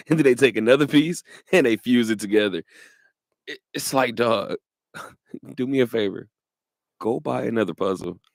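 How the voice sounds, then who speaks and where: A man hosting a sports radio talk show, talking in an animated way, laughing often and repeating his points. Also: mid-range voice, no room sound, clean studio sound.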